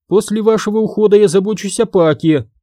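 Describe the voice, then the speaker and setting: Storybook fairy: man voicing a tiny, squeaky, eager moth fairy, high-pitched and dry. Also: fairly quick, no room sound, lightly acted. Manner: squeaky, excited.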